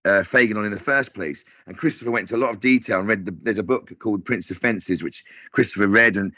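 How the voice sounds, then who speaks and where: A man's voice: fairly low pitch, fast talker, pushed and bright, no echo. A man who directs television, talking about his work in a casual interview with lots of restarts and fillers. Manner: rambling, many restarts and fillers.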